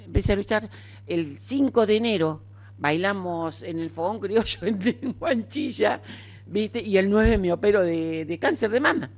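A woman's voice: medium pitch, moderate pace, darkish tone. An older woman with an Argentine accent, telling her own story frankly and chattily in an interview, with many fillers. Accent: Argentine Spanish. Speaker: interviewee, cancer survivor. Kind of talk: casual conversational storytelling.

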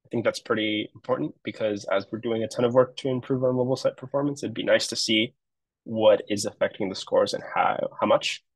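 A man's voice: fairly low pitch, steady tone, brisk, slightly rough, no room sound, poor audio. A man on a marketing web team giving a casual, explanatory screen-share walkthrough of a project he set up, with frequent fillers. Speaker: web developer.

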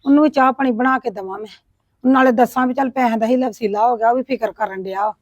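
A woman's voice: fairly high pitch, quick pace, dry recording. A middle-aged woman acting a complaining widowed sister-in-law in a village family drama. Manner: complaining, scolding tone.

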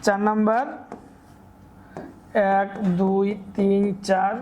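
A man's voice: sits high, completely flat delivery, slow pace, dark tone, a little hiss or hum. Patient male chemistry teacher counting aloud. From Bangladesh. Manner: patient, step-by-step, asks and answers own questions. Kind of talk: classroom lesson, counting carbons aloud.

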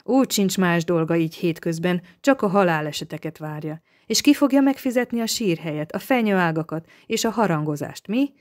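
A woman voicing a gruff, practical old professor who speaks curtly and gives orders. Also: lowish voice, animated, hardly any pauses, natural voice. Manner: curt, gruff and commanding.

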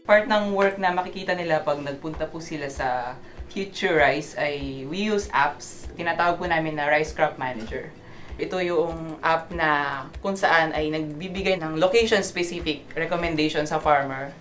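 A woman's voice: low voice, a bit bright, faint music behind. A young woman in her twenties with a Filipino accent explaining a farming app in Tagalog and English. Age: 20s. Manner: mixes Tagalog and English, measured.

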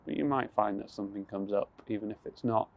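A young man leading a guided mindfulness practice outdoors on a rooftop, speaking calmly, slowly and gently, with soft restarts. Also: fairly low pitch, highs cut off. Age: young adult. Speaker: mindfulness instructor.

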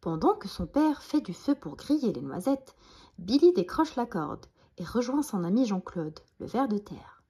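Expressive breathy woman storyteller. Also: mid-range voice, normal speed. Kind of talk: reading a bedtime story aloud.

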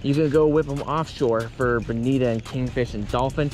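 Man, laid-back, casual fishing talk, outdoors on a boat, action-camera audio, clear background noise. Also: medium pitch, fairly even intonation, normal speed, a little mellow. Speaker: fishing guide explaining lures. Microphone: action camera on the body.

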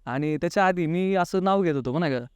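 A man's voice: fairly high pitch, a little fast, smooth, dry recording. A man recounting a personal experience as an interview guest, chatty, acting out what people said and dropping in a constant filler phrase. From Pune, India. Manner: talkative, keeps adding the filler "नाही का"; often acts out quoted dialogue. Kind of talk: casual interview storytelling.

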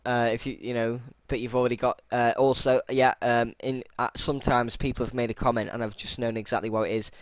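A tutorial channel host rambles through a screen-recorded computer tutorial, full of fillers and restarts, self-deprecatingly apologizing for his boring voice. His mid-range voice barely moves in pitch, runs fairly quick with few pauses, and has no room sound.

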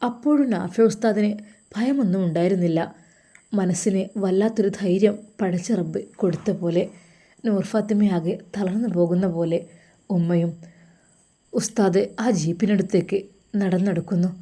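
A woman's voice: medium pitch, moderate pace, mellow. A woman narrating a religious story in a dramatic, emotional manner. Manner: dramatic, lingering.

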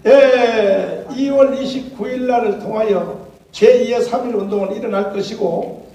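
A high-pitched man in his sixties with a Gyeongsang accent preaches fiery and loud, dropping to mutters and then bursting into shouts. His voice rings around a large echoey hall, picked up from a distance with faint room noise. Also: measured pace. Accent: Gyeongsang Korean. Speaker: pastor. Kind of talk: fiery political sermon. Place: large hall at a breakfast gathering.

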